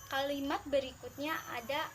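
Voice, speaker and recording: A young woman in her twenties, a student teacher giving a children's Quran recitation lesson, slowly repeating sounds for pupils to copy. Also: sits high, fairly even intonation, a little hiss or hum. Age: 20s.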